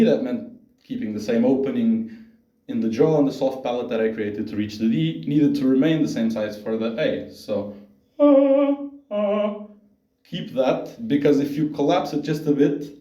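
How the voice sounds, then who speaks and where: Young male student, mellow mid voice, explains at length with ums and restarts, room echo around him. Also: mid-range voice, dull audio. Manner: explanatory, with fillers and self-corrections. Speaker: voice student presenting. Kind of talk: spoken presentation. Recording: roomy echo.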